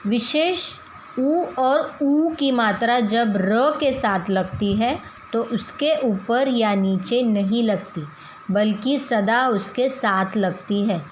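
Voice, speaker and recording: A woman's voice: fairly high pitch, slow pace, slight background noise, poor audio. A woman teaching a grammar lesson to children, patiently spelling out syllables one at a time.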